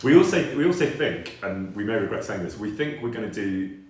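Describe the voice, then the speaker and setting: A man's voice: on the low side, sing-song, a little fast, darkish tone. A man co-hosting a live stream, laughing often and thanking viewers, his voice ringing in a big hall echo. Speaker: streamer co-host. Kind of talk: casual live stream chat. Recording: very echoey room.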